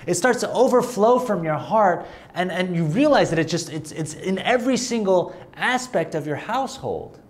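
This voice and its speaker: A man's voice: moderate pace, hardly any pauses. A man preaching a sermon in a conversational way, mixing emphatic rising lines with self-deprecating humor. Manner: animated, rising emphatic pitch.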